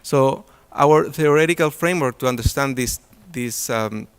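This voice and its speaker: A Chilean man whose first language is Spanish gives an academic talk as a conference presenter. His voice is medium-pitched, clear and resonant, and he speaks at a moderate pace. He sounds hesitant, with many fillers and restarts.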